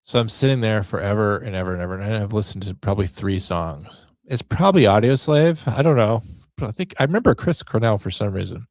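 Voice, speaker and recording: A man's voice: lowish voice, animated, brisk, darkish tone, no room sound, studio quality. A man in his forties hosting a podcast, telling self-mocking stories in a casual, wry monologue. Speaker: podcast host.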